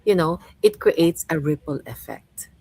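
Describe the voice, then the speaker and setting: A woman's voice: sits low, expressive, a little slow, mellow, slightly rough, dry recording, poor audio. A middle-aged woman from the Philippines hosting a podcast chat as a coach, chatty and full of "you know" and "right?" tags. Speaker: host and coach.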